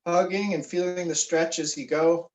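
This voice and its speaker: A man leading a guided meditation and warm-up stretches, giving slow, relaxed instructions with frequent fillers. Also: fairly high pitch. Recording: roomy, distant, dull recording.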